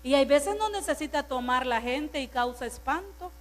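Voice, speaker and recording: A woman's voice: sits high, animated, moderate pace. A woman pastor preaching a sermon to her congregation, stressing word lists and turning to the listeners with asides.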